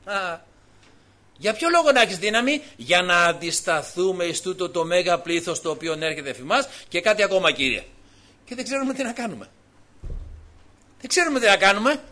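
Guy preaching a fiery sermon, high bright voice, goes from hushed to loud, throws in alleluias. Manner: impassioned preaching, swinging between hushed and loud, frequent alleluias. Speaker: pastor.

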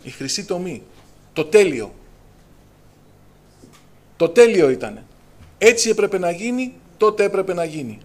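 A middle-aged man preaches a fervent Pentecostal sermon. His voice sits high, and he lifts it strongly when he quotes scripture or calls out to his congregation. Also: sing-song, pauses often, darkish tone. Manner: fervent, preacher's call-and-response, raises voice on scripture.

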